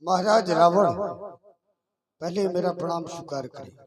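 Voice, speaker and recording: Monkey god Hanuman, played by a man, Bundeli accent, reverent, very high, slow, far off. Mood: reverent, bold. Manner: slow, reverent, declamatory speech. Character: Hanuman, devoted, bold male monkey god. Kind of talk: village Ramlila stage acting. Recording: live stage show from afar, crowd noise.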